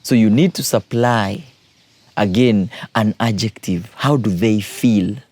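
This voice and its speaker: Mellow-voiced teacher explaining. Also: male voice, fairly low pitch, unhurried, no room sound. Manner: patient, explanatory, repeats key points. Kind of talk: exam revision explanation.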